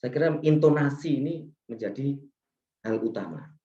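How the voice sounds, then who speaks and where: A man's voice: mid-range voice, lively intonation, moderate pace, warm tone. A man giving a seminar talk on customer service, going through his points one by one and asking the audience to agree. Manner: explains points one by one, asks the audience "ya kan?"; acts out service staff lines in a raised voice. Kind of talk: seminar presentation with slides. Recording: echoey hall, dull PA sound.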